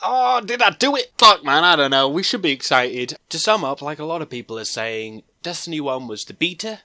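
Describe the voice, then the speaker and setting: Young man, gaming vlog, slangy and profane, bright tense tone, dry close-mic sound. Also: a little high, lively intonation, a little fast, dry recording. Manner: loose, slangy and profane, rambling. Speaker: gaming video creator. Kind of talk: casual gaming commentary.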